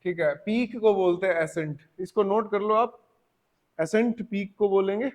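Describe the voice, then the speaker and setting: A man with an Indian accent teaching English vocabulary, explaining in Hindi, reading English examples slowly and asking his students rhetorical questions. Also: high voice, steady tone, a little mellow. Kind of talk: classroom lesson. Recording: long reverb, echoey classroom.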